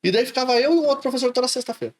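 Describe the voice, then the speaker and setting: A man with a São Paulo Brazilian accent, a podcast guest telling lively stories and acting out his old catchphrases. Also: very high-pitched, very fast. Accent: Brazilian Portuguese, São Paulo. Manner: animated storyteller, acts out his own catchphrases. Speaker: podcast guest, logistics professional. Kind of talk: casual podcast chat.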